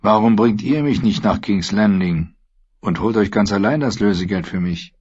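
A man voicing a proud, cynical captive male knight who speaks in a dry, sardonic, low voice, in a dull lo-fi recording. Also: normal speed, a little mellow, slightly rough.

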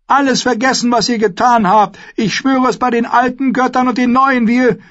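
A man's voice: very high-pitched, steady tone, normal speed, a bit bright, muffled recording, pitched above the performer's own voice. A man doing a desperate pleading noblewoman. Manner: pleading, urgent, raised. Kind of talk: audiobook character voice.

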